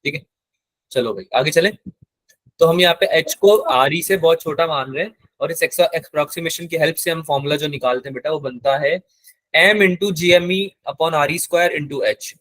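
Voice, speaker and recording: A man's voice: a little high, normal speed, fairly bright tone, dry recording. A male physics teacher giving a live lecture in Hindi mixed with terms, often asking the class check questions. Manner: mixes English terms into Hindi.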